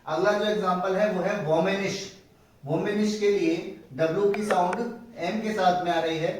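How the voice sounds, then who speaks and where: A man with a fairly high voice teaches a step-by-step lesson, repeating each word as he explains it. He sits a little away from the mic in a very echoey room. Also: fairly even intonation, moderate pace, distant mic. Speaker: shorthand teacher.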